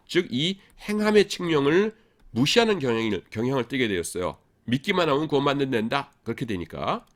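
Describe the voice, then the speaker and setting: A middle-aged man, a professor, giving a recorded lecture. He explains step by step, asks the class rhetorical questions and corrects himself as he goes. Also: fairly high pitch. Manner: casual fillers and self-corrections.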